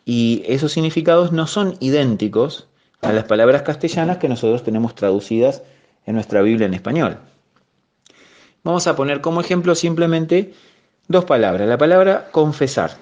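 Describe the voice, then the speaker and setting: A man with a Rioplatense Spanish accent teaching a Bible class, explaining slowly, repeating key words and pausing on fillers. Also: fairly high pitch, expressive, darkish tone. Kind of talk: recorded theology class. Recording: muffled lo-fi audio.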